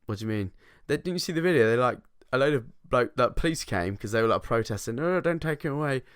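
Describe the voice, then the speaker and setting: A man's voice: medium pitch, animated, quick pace, clean tone, no room sound, studio quality. Man in jokey podcast banter. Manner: rambling, jokey storytelling. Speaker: podcast co-host. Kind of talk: casual comedy banter.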